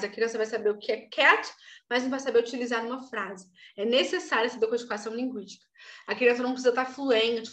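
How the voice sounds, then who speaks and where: A woman in her thirties speaks with a slightly high voice. She teaches a live online class in a chatty, emphatic manner and keeps checking in with her listeners. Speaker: literacy teacher.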